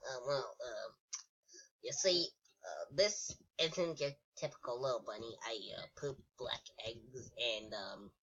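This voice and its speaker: A woman's voice: a bass voice, measured pace, a bit bright, breathy edge, pitched below the performer's own voice, exaggerated voice. A woman voicing a nervous, sneaky bunny that stammers and hesitates. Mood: sheepish. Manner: hesitant, stammering, full of ums. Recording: muffled lo-fi recording.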